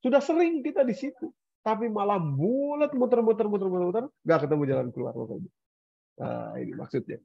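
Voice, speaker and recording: A man giving an Islamic study sermon, speaking in an animated way and acting out the complaints of older people. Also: high voice, a little fast, gravelly, no room sound, muffled recording. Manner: animated, acts out complaints of the elderly. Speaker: Islamic preacher.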